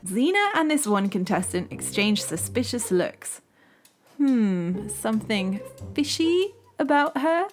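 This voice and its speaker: A woman's voice: on the high side, sing-song, slow, soft background music. A woman hosting a review show, narrating with wry, sarcastic humor. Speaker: host reviewing a TV series.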